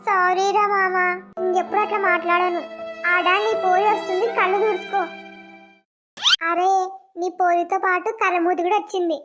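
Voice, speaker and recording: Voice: very high voice, flat delivery, normal speed, long pauses, loud music behind the voice. A voice actor playing a blunt, teasing young village friend in a cartoon, with a Telangana accent. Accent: Telangana Telugu.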